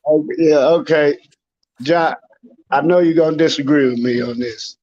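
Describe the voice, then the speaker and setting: A man's voice: a little high, moderate pace, muffled recording. A man in a casual podcast chat, laid-back and candid.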